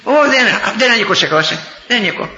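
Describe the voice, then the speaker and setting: Impassioned older priest, high and bright. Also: male voice, animated. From Greece. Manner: impassioned, rises to near-shouts, acts out dialogue. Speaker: priest, former army chaplain. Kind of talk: storytelling sermon. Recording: echoey, dull lo-fi room recording.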